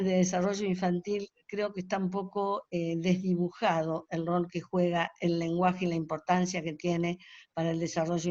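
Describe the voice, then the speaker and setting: A woman's voice: fairly low pitch, a little mellow, dry recording. Older woman, lecturer on a webinar, hesitant and explanatory, dull dry call audio. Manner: explanatory, many hesitations and fillers. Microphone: video call.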